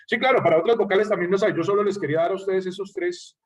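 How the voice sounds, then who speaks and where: Male writing teacher, higher voice, online lecture, mic a bit distant. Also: very fast. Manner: explains patiently with spoken examples, checks in with "¿ya?".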